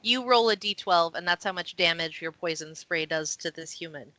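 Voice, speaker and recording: A woman narrating as game master of a tabletop game, animated and quick with asides. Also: on the low side, dry recording, poor audio.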